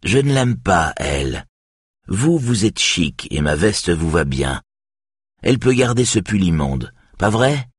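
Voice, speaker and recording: A man voicing a sly, capricious older male former TV host with a raspy, mocking way of talking. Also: low-pitched, very animated, measured pace, no echo, clean studio sound, exaggerated voice. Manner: taunting, mocking.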